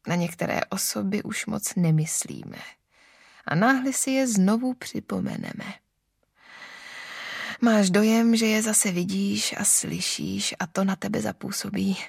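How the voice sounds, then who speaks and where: A woman reading the lines of a frail, aging baroness who speaks softly and wistfully of the past. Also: mid-range voice, expressive, gravelly, breathy edge, no echo, clean studio sound. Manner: soft, sighing, nostalgic.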